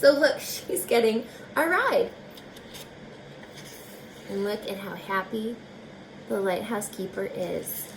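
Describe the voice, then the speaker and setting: A woman teacher reads a children's picture book aloud with lots of expression, pausing for chatty asides aimed straight at her young listeners. Her mid-range voice carries some vocal fry, and her phrasing is slow and deliberate. The background is noisy.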